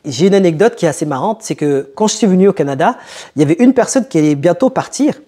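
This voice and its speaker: A man's voice: high voice, animated, fast, dark tone, husky. A young man hosting a casual advice vlog, speaking straight to his viewers and putting rhetorical questions to them. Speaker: YouTube host giving advice to newcomers.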